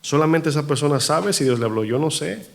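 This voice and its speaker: A man preaching a sermon in a church, animated, asking the congregation rhetorical questions. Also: a little high, fairly quick, vocal fry. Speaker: pastor.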